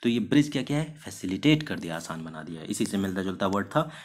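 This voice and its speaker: A man teaching English vocabulary in Hindi, mixing in English words. He keeps asking rhetorical questions and answering them himself, and slows down to spell out and stress example sentences. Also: low-pitched, big pitch swings. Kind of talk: classroom-style vocabulary lesson.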